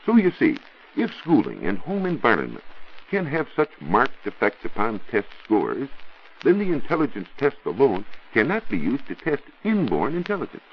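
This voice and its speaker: An American science reporter speaks at normal speed in a husky, mid-range voice with huge pitch swings. It's a scripted 1940s educational radio talk from a radio studio, delivered formally and didactically, on a muffled 1940s radio recording.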